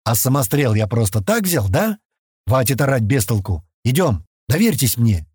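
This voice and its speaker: A man's voice: mid-range voice, big pitch swings, moderate pace, a little mellow, slightly rough, no room sound, studio quality. A man reading an audiobook, voicing a brash, confident young mountain heir who teases his companions.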